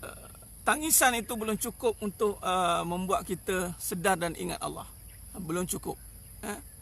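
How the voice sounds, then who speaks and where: A man's voice: sits high, normal speed, creaky, a bit bright, husky. A man with a Malaysian Malay accent preaching a sermon outdoors, emphatic and repetitive, with many rhetorical questions. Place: outdoors in the sun.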